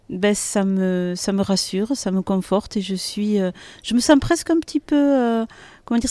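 Female interview guest, Toulouse accent, mellow and dry-sounding, hesitant conversational delivery. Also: a little high, dry recording. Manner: hesitant, searching for words, often chuckling. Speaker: guest, metro announcer and singer. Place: hotel courtyard in city centre.

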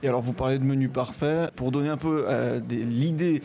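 Man, interviewer, mellow voice, hesitant questions. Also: mid-range voice, fairly even intonation, fairly quick, creaky, slight background noise.

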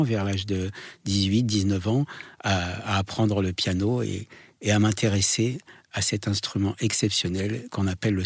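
Lowish-voiced Frenchman, halting interview guest. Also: breathy edge, no echo. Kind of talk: conversational radio interview.

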